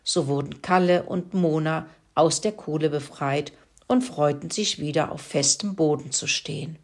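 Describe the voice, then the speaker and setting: A woman reading a children's farm-animal story aloud in a slow, lively storybook manner. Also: low voice.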